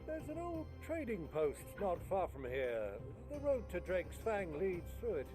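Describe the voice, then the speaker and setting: A male actor playing a spry, lively old uncle in a fantasy video game, speaking with genial theatrical eagerness. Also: sits high, unhurried, music in the background, full character voice. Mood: genial, instructive. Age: older.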